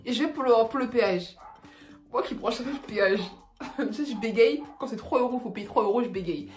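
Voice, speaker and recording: A young adult woman telling her solo travel mishaps in an animated, slangy way, laughing as she goes. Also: fairly high pitch, fairly quick. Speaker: travel vlogger. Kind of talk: casual storytelling to camera. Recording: echoey room, faint music.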